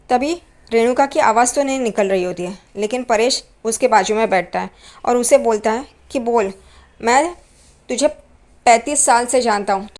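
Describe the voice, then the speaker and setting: A woman retells a TV serial episode as a running story. Her voice sits a little high, and she lifts her energy when voicing the characters' lines.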